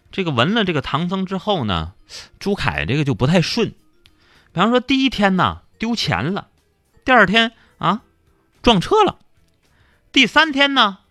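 A young male radio host tells a comic tale with a bright, forceful tone and a fairly high voice. His pitch swings wildly, and his telling is teasing and full of laughs. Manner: animated, teasing, laughing storyteller. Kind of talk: comic storytelling.

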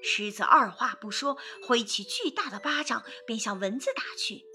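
A woman narrating a storybook for children in an expressive, sing-song way. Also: fairly high pitch, normal speed, faint music behind.

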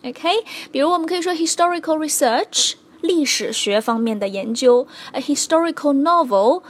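A woman's voice: high-pitched, animated, moderate pace. A young adult woman teaching English vocabulary in Mandarin, mixing in English examples and patiently checking in with her students. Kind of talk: recorded language lesson.

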